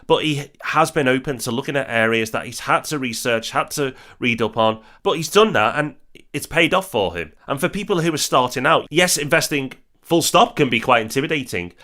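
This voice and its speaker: A podcast co-host introduces guests in scripted narration, sounding upbeat and encouraging. His medium-pitched voice is pushed and bright.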